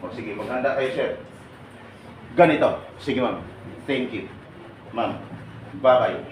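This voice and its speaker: A man leading a seminar for departing overseas workers, joking and firing quick questions at his audience. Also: medium pitch. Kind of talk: lively seminar talk to an audience. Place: large hall with an audience. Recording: echoey hall, mic far off, noisy.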